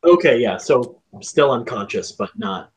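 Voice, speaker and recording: A man running a tabletop game as game master, explaining the rules in halting stretches full of ums and restarts. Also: mid-range voice, expressive, slightly rough.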